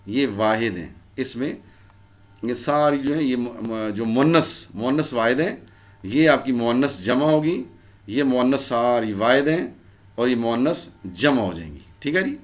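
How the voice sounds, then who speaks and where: Man, grammar teacher, recorded lesson, mid pitch, repeats endings, answers own questions. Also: lively intonation. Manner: repetitive drilling of word endings, asks and answers own questions.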